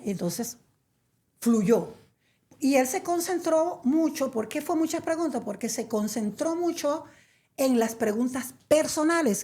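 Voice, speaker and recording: A woman from Venezuela, telling her story in an interview; she hesitates with many fillers and restarts, then turns lively and emphatic. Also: sits high. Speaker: interview guest. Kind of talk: conversational storytelling.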